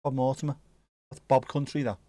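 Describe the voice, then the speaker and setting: A Scouse-accented man from around Liverpool hosts a livestream, reacting to the live chat in casual conversation and joking and swearing now and then. His delivery is flat and brisk, in a dark, mid-range voice, recorded dry.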